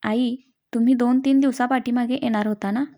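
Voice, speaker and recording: A woman storyteller voicing a young husband who teases his wife and loses patience, in a slightly lowered, quieter voice. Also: steady tone, a little fast, close to an everyday voice. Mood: affectionate teasing. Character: young husband, teasing then irritable.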